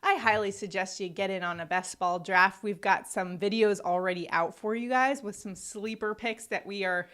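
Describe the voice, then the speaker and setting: A woman's voice: mid-range voice, moderate pace, hardly any pauses, fairly bright tone. Upbeat woman reading baseball picks. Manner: upbeat, stat-heavy delivery. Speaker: co-host of a sports betting show. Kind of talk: scripted sports betting picks.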